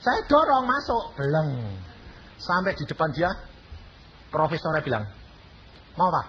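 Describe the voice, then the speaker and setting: A man's voice: measured pace, slight background noise. An older man, preaching a sermon and telling personal stories, acting out the dialogue with shifting voices. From Indonesia. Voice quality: animated, acts out dialogue with shifting pitch. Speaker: evangelist preacher. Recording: slightly dull recording with faint ambience.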